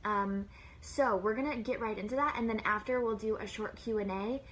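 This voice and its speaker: A woman's voice: mid-range voice, normal speed, fairly bright tone, rough recording. Chatty woman hosting a live stream. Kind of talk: casual live chat.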